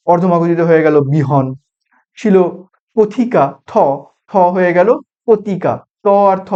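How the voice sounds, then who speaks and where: A man with a Bengali accent lectures in a measured, explanatory way, lingering on each example. His voice sits high for a man, with a mellow, warm tone. The recording is dull and lo-fi, like an educational broadcast. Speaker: university lecturer.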